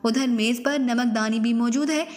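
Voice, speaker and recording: A cold, stern army major, put on by a woman narrator interrogates in flat, commanding tones. The voice sits high and rings with a long hall reverb in this spy audiobook. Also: moderate pace, lightly acted.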